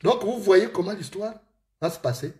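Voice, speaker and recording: Gabonese man telling a story lively. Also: high voice, moderate pace. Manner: lively storyteller addressing listeners directly. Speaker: author. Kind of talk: storytelling and reading from his book.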